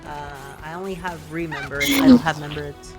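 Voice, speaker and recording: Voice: medium pitch, very animated, a little fast, over music. A host chatting casually while playing a game, dry and matter-of-fact, prone to tangents. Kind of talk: casual gameplay banter.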